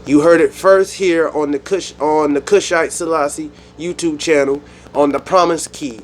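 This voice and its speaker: A man from the United States hosting his own channel, speaking his mind in a rambling, animated monologue with frequent restarts. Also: on the high side, moderate pace, a little hiss or hum. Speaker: YouTube channel host. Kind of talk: solo opinion monologue.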